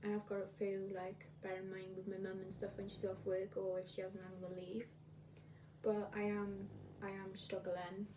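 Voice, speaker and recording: A woman's voice: medium pitch, completely flat delivery, normal speed. A woman, chatting casually to camera in a rambling, repetitive way as a video blogger. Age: 20s. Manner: rambling, repeats herself. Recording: distant mic, clear room noise.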